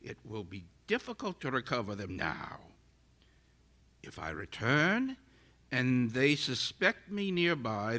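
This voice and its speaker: An actor playing an arrogant, bitter invisible scientist in a radio-style drama, speaking in haughty, theatrical, formal language. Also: male voice, on the high side, bright, forceful tone, heavily acted. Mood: scheming. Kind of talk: radio-style stage audio drama acting.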